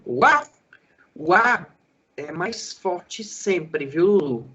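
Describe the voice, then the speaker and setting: A male school teacher giving a Portuguese lesson, sounding out syllables slowly and quizzing a student. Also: high voice, expressive, sharp tone, slightly rough, muffled recording. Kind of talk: lively classroom lesson for sixth graders.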